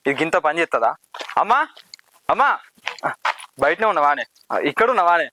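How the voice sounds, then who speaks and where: A man with a Telangana Telugu accent playing a young village postman who pleads, defends himself and gets angry quickly. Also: fairly high pitch, very animated, sharp tone, slight background noise, poor audio. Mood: indignant. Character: young male village postman, anxious about honour. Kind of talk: village drama acting.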